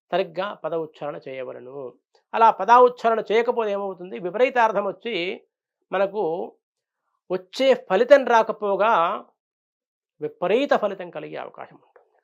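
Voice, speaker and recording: A man's voice: high voice, vocal fry. A man giving a devotional discourse as a spiritual teacher, explaining points patiently and posing rhetorical questions. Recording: dull lo-fi sound.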